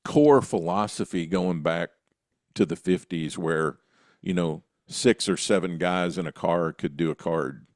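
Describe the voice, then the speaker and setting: A man's voice: low voice, a little slow, dry recording, studio quality. A man hosting a conversational podcast interview, reflective and steering the talk with questions and asides.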